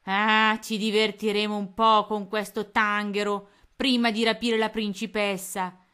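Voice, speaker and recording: Lady doing a nasty pirate rat captain, loud, high and gloating, storybook villain. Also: flat delivery, unhurried. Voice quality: horrible gloating voice. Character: sinister male rat pirate captain, cruel.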